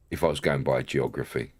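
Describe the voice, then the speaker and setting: A man's voice: very deep voice, slightly rough. A man from the London area, streaming a game and joking with viewers, laughing often. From London area, England. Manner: jokey, laughs often, trying out regional accents for chat. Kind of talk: casual gameplay commentary, chatting with viewers. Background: faint game music.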